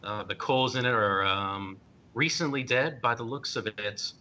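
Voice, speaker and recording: A man narrating as game master, pausing often with ums and uhs as he describes scenes. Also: sharp tone. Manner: hesitant, many ums and uhs. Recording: dull lo-fi stream audio with faint rumble.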